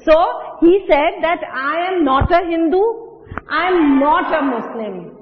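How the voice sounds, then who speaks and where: A woman's voice: sits high, animated, a little slow, slight background noise. A woman with an Indian English accent teaching a classroom English lesson, patiently asking questions and repeating words. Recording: dull, lo-fi audio with long reverb.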